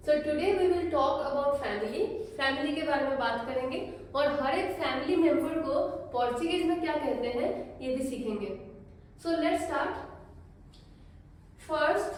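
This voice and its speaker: Slow, echoey woman teaching Portuguese. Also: high voice, slight background noise. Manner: slow, careful teaching with repeated drill words; mixes Hindi and English. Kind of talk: online language lesson. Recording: echoey room, voice from a distance.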